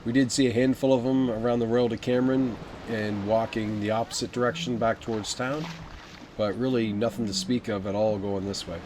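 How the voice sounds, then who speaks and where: This male travel vlogger talks briskly and casually in a walk-and-talk style, his medium-pitched voice staying level in tone. Ambient noise from outdoors fills the recording.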